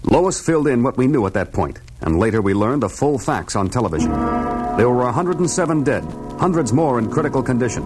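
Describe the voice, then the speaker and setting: A man plays a decisive reporter hero in an old radio show adventure. His medium-pitched voice swings widely as he tells of disaster with dramatic urgency, over background music. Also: animated, fairly quick, natural voice, poor audio. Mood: grave urgency. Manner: dramatic storytelling delivery.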